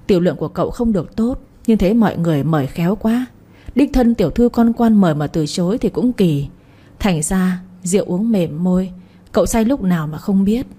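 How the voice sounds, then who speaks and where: A woman reads a romance novel aloud in an even, scripted storytelling style. Her voice is dark and mellow with a husky edge. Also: medium pitch, a little fast. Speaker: audiobook narrator.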